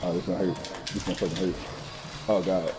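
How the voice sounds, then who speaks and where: A man's voice: low voice, little pitch movement, fast, mellow. A man playing a fighting game with a friend, reacting with profane groans and casual banter. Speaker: gaming friend. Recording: roomy sound with game music.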